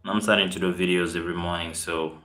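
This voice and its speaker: A man's voice: deep voice, flat delivery, fast talker, a bit bright. A man from Uganda with a Ugandan accent, chatting casually on a live stream, greeting viewers and reading out their comments. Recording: roomy echo.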